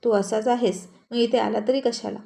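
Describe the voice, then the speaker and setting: An ailing elderly mother speaks with stubborn reproach and pleading. A woman narrator puts her on. The tone is soft and warm. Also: fairly high pitch, steady tone, normal speed, gravelly. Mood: reproachful.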